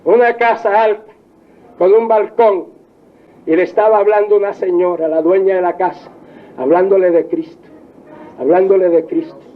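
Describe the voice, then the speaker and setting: A man's voice: high voice, fairly even intonation. An older man preaching a fervent old-time revival sermon, stretching his phrases and crying out hallelujahs. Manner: fervent, shouts hallelujahs, drawn-out emphatic phrasing. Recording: dull lo-fi archive tape with faint congregation.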